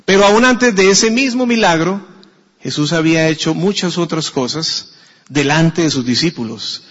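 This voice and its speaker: Colombian pastor preaching, voice sits a bit high, long church echo. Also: male voice, a bit bright, lo-fi sound. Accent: Colombian Spanish. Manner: slow and deliberate, asks rhetorical questions. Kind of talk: sermon. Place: church sanctuary.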